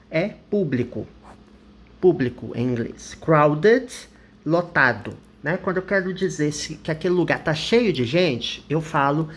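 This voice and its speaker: A Brazilian woman teaching English vocabulary, who reads her example sentences slowly and carefully. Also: fairly low pitch.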